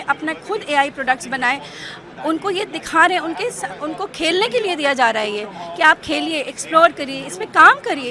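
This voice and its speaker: A woman from a university speaking earnestly and insistently to reporters at an event. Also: high voice. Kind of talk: statement to press at an event. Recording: noisy crowd around.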